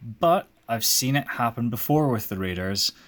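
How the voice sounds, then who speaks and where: A man's voice: mid-range voice, animated, moderate pace. Chatty young man hosting a sports chat. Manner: chatty, rambling with fillers. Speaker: podcast host.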